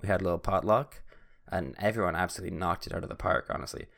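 On a podcast microphone, a young host delivers a casual solo monologue rapid-fire, rambling, self-mocking, and wandering off topic. His voice is low-pitched and a bit bright, with vocal fry and fairly even intonation.

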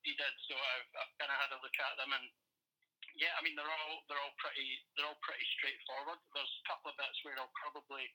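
A man talking as an interview guest over a phone on speakerphone, relaxed and often repeating words as he thinks. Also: a little high, fast talker, low-quality recording. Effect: heard over a phone on speakerphone. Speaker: interview guest, sports performance head.

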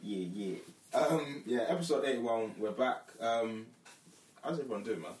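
A man's voice: mid-range voice, measured pace, darkish tone, far from the mic. A man with a London accent chatting casually as a podcast host, using street slang. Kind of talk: casual chat. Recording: echoey room, off mic.

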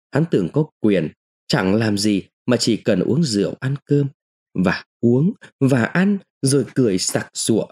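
A man reading a literary short story aloud in the first person, with an expressive, dramatic delivery. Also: mid-range voice, slightly rough. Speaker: narrator.

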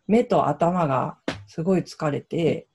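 A woman in a casual podcast chat, speaking thoughtfully and softly, with frequent backchannels. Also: low-pitched, slow, faint music behind. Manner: thoughtful, soft-spoken, many backchannels.

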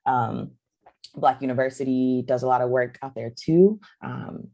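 A woman's voice: extremely low pitch, measured pace, creaky, dark tone. A woman from Charlotte, North Carolina, talking casually as a guest organizer, with frequent "um" and "like" and loose, trailing lists. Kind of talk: casual conversational discussion.

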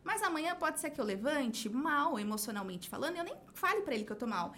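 A Brazilian Portuguese-accented woman with a notably high voice, speaking as a podcast guest. She talks in an easy, chatty way and slips into short acted-out exchanges to make her point. A faint hum of room ambience sits behind her. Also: quick pace. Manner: expressive, acts out little dialogues while explaining. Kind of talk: casual podcast conversation. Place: podcast studio.

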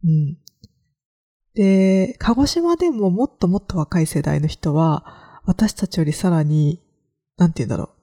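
A woman from Kagoshima hosts a solo podcast in a casual, reflective manner. Her voice sits a little low and sounds warm and mellow. She often pauses and uses fillers while she gathers her thoughts. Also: expressive, husky. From Kagoshima, Japan. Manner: reflective, hesitant, many fillers. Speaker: podcast host.

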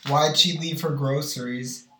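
A man's voice: fairly high pitch, steady tone, unhurried, bright, forceful tone. Man on speakerphone, phone held away. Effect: speakerphone held away from his mouth. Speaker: family member on a phone call. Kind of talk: casual phone conversation. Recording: roomy, distant speakerphone sound.

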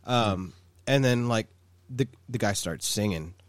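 A man's voice: on the low side, measured pace, no room sound. A man, co-hosting a casual podcast chat, rambling with lots of filler words and swearing. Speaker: podcast co-host.

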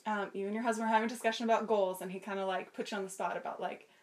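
A woman talking casually and informally as a podcast guest, telling things in an animated way. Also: mid-range voice, rapid-fire. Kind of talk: casual chat.

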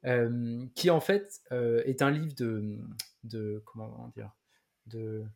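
A man's voice: mid-range voice, fairly even intonation, slow pace, gravelly, a little mellow. Hesitant French-speaking podcast man. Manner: hesitant, many restarts and fillers. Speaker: podcast co-host. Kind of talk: casual podcast chat.

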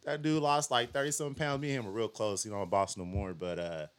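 A young man chatting casually as a guest, an animated storyteller who acts out quotes in slangy speech. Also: on the low side, fast, clear, resonant tone. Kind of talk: casual conversation.

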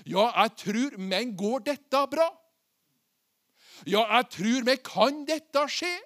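A man's voice: very high voice, lively intonation, a bit bright. A man acting out the apostle Peter as a grown man torn between faith and doubt, questioning himself anxiously.

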